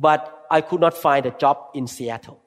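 A man's voice: a little high, drawn-out words. An older man with a Thai accent giving a sermon testimony in a church hall, speaking in short, emphatic phrases.

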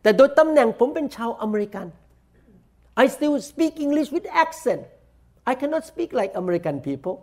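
A man with a Thai accent preaching a sermon, saying each point in slow, deliberate English and then repeating it quickly in Thai. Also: high-pitched, very animated, darkish tone. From Thailand. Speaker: pastor. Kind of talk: bilingual sermon, self-translating.

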